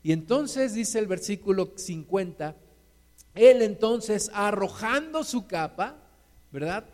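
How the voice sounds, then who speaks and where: A man's voice: high voice, animated, takes it slowly, darkish tone. A man preaching a sermon, earnest and encouraging, with dramatic retellings of a story. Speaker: pastor. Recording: echoey hall.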